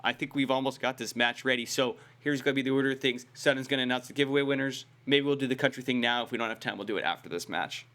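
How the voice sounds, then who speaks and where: A man's voice: medium pitch, fast, hardly any pauses, fairly bright tone. An American man co-hosting an esports livestream, talking in a laid-back, rambling way with lots of "like" and "dude". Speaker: esports stream co-host. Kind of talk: casual livestream chat.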